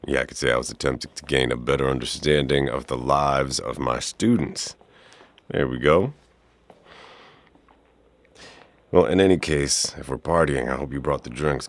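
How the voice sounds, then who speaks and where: In an intimate ASMR roleplay, a man plays a male art professor with an extremely low, very deep, gravelly voice and heavy vocal fry. He comes across charming, playful, flirty and easygoing.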